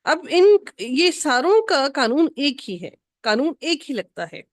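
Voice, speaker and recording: A woman teaching an Arabic grammar lesson, patiently repeating each rule slowly for her students. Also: sits high, very animated, no echo.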